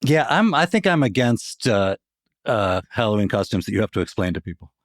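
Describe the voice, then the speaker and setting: A man's voice: fairly low pitch, sing-song, a little fast, no echo, studio quality. A man hosting a podcast, moving between casual chat and scripted reads. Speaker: podcast host.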